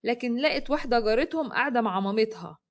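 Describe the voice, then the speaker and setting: Fast Egyptian woman storyteller. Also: on the high side, animated. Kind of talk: scripted story narration.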